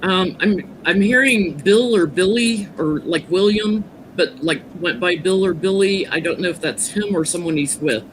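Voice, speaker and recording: A woman's voice: fairly low pitch, normal speed, few pauses. A woman speaking matter-of-factly and reassuringly as a psychic medium, giving a casual reading on a livestream. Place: video call livestream. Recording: clearly noisy livestream audio.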